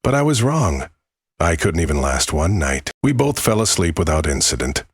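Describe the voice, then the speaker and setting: A man with a low, husky voice narrates a horror story in the first person. He is measured and leaves dramatic pauses, and the sound is very dry. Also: very animated, no echo.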